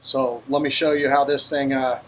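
A man's voice: medium pitch, moderate pace, a little hiss or hum. A man giving a casual walkthrough tour of a boat, talking to viewers as he moves around the decks and cabin. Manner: relaxed, talks to viewers while walking around. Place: on a boat, outdoors then in the cabin.

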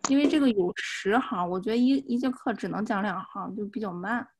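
A woman's voice: medium pitch, fairly quick, background noise. A woman teaching a beginners' language class over a video call, explaining patiently step by step. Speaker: Japanese teacher. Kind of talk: online class instruction.

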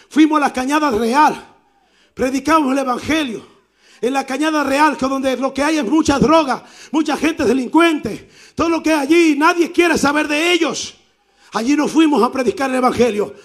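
A man from South America preaching in a church, telling a story in an animated way and breaking into shouts. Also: extremely high pitch. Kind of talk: sermon storytelling.

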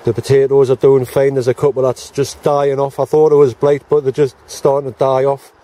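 A man's voice: medium pitch, flat delivery, brisk, warm tone. A middle-aged man, chatting casually to viewers as he films his allotment garden outdoors on a handheld camera. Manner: chatty, plain-spoken, talks to viewers as he walks round. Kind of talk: casual walk-and-talk vlog. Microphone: handheld camera, self-filmed.

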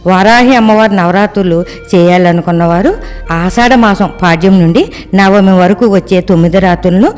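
A speaker calmly walking through a ritual, one rule and one item at a time, in a steady, even-paced teaching voice with a mid-range pitch. Soft music plays quietly underneath. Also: fairly quick. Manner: calm, steady itemized listing. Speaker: devotional presenter. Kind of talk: instructional narration of a ritual. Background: faint background music.

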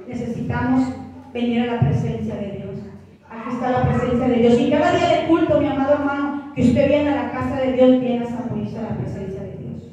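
A Mexican woman pastor delivers a fervent sermon in a church hall, repeatedly addressing her congregation as "hermano." Her fairly high voice moves a little fast and is recorded lo-fi and far from the mic, with echo and crowd noise.

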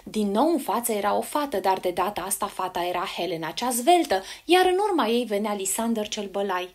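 A woman narrating a fairy tale in an expressive storybook reading. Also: mid-range voice.

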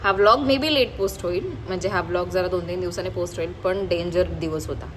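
A woman's voice: lowish voice, a little fast, fairly bright tone, a little hiss or hum. A young woman with a Marathi accent, chatting in a casual home vlog and repeating her words. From India. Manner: chatty, repeats words, mixes in English and Hindi. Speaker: vlogger. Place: family home.

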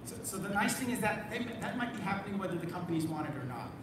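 A man's voice: sits high, very animated, fast. Man giving a keynote in an echoey hall. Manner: conversational, asks the audience "okay?". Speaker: keynote speaker. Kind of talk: conference keynote talk. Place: large conference hall. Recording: echoey hall from far off, noisy.

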